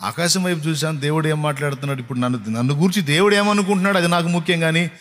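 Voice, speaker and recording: High-voiced man preaching emphatically. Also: very fast, fairly bright tone. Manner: emphatic and repetitive, firing rhetorical questions at the congregation. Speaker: pastor. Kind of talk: sermon.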